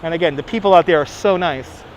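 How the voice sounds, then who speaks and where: Walking through city streets outdoors, this New York-accented man hosts a casual live stream, talking back to viewers by name and laughing a lot. He talks fast in a slightly high voice. Audio from his gimbal-mounted phone is low quality, with a little hiss or hum.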